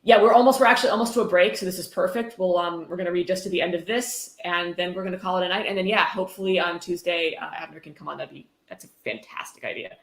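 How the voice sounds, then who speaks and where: A woman hosts a livestream, chatting casually and reading aloud in an informal, sweary style. She talks fast with hardly any pauses, in a fairly low pitch, and the audio is roomy and echoey.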